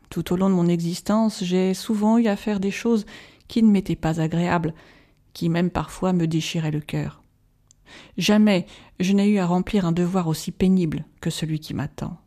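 A grave old professor , read by an audiobook narrator, speaks with solemn, measured patience. His tone is dark and mellow, heavy with duty and sorrow. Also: mid-range voice, lightly acted. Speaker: audiobook reader.

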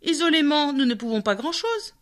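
Woman voicing loud boastful wolves. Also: high voice, big pitch swings, normal speed, pitched above the performer's own voice. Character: pack of howling male wolves, proud.

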